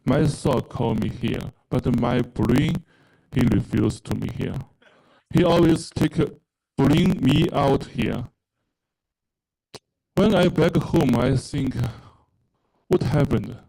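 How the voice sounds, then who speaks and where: A man from China gives a halting, earnest testimonial about his time in a spiritual program. His voice is low in brightness and gravelly with fry, and he speaks very slowly, pausing often on fillers. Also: poor audio. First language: Mandarin Chinese. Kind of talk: personal testimonial.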